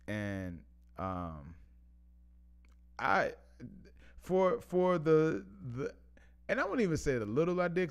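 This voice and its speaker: A man hosting a casual live stream, rambling in relaxed slang, chuckling between phrases and often losing his thread and starting over. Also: lowish voice, smooth. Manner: rambling, loses track and restarts often.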